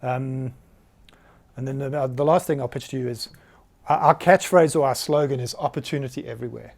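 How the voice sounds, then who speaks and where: A South African man in his late forties speaks to a roomful of people at a medium pitch. He talks in a candid, self-mocking way and with plenty of energy. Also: steady tone, fairly quick, creaky. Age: 40s. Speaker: business founder giving a talk. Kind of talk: live presentation to an audience. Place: meeting room with audience.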